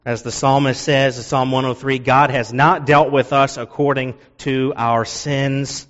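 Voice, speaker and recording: A man's voice: medium pitch, level tone, unhurried, fairly bright tone, in a large hall, dull audio. A man preaching an earnest sermon, explaining a passage and repeating key phrases for emphasis. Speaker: pastor.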